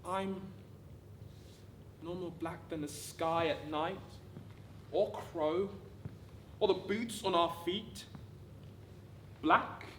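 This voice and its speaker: A woman giving a rehearsed dramatic reading of wartime letters, measured, with deliberate pauses. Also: on the low side. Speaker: actor reading a monologue. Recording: distant, echoey room with background noise.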